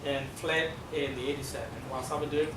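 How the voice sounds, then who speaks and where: A middle-aged man from South Sudan with a South Sudanese accent and Dinka as his first language, giving a halting, explanatory classroom presentation full of fillers. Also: mid-range voice, steady tone. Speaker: guest speaker. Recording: echoey room from far off, noisy.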